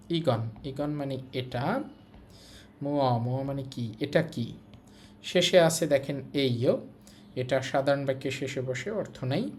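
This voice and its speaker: A man from Bangladesh leads a language lesson at a mid-range pitch. He works through a textbook line by line, repeating each word and its meaning. Faint noise sits under his voice. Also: a little mellow. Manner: explains step by step, repeats words and meanings. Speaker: language teacher.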